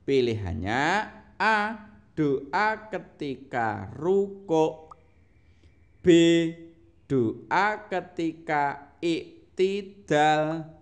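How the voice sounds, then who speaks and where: A young man slowly reading multiple-choice quiz questions to pupils, patient and drawn out, with rising question tones. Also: on the high side, lively intonation. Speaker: teacher.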